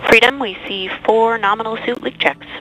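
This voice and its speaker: A woman's voice: a little high, fairly bright tone, muffled recording, faint music behind. A woman mission controller giving clipped, procedural callouts over a crackly mission radio loop that sounds like a sci-fi communicator. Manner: brisk, procedural, terse. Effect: crackly mission radio transmission, like a sci-fi communicator.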